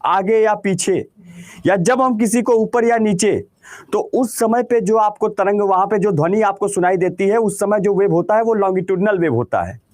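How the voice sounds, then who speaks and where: A man's voice: high voice, moderate pace, a little mellow, no echo, studio quality. A man with a Bihari Hindi accent teaching a class, who keeps asking questions and answering them himself. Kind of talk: classroom lecture.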